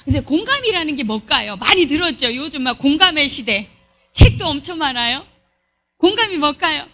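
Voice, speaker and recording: Middle-aged woman lecturer, high bright voice, very animated delivery, quizzes the room. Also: fairly quick. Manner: asks the audience questions and acts out sample dialogues. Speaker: church leader-training lecturer. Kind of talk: lively lecture to a church audience.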